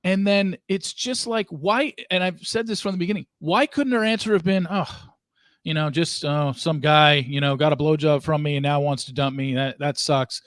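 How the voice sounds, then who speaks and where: A man's voice: fairly high pitch, moderate pace, a bit bright, dry recording. Emphatic male podcast host, dry sound. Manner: emphatic, recapping events to the guest and voicing disbelief. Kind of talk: conversational podcast interview.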